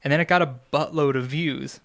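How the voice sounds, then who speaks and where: A man's voice: a little high, steady tone, fairly quick, creaky, fairly bright tone. A man co-hosting a podcast, telling stories in a rambling, casual way with lots of fillers. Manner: rambling, filler-heavy storytelling. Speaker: podcast co-host. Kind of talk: casual chat.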